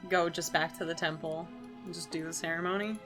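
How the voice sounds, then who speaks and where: A woman playing a tabletop game, chatting casually in an expressive, joking way with some swearing. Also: lowish voice, fairly quick. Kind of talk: casual chat, playful role-playing. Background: faint music.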